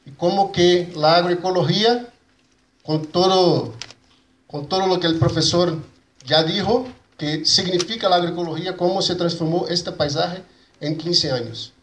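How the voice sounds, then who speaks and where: A man with a Brazilian Portuguese accent and native Portuguese gives a conference presentation in a halting mix of Spanish and Portuguese, repeating and rebuilding his words. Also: high voice, a bit bright. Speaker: conference speaker for an agroecology movement. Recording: roomy echo, faint background noise.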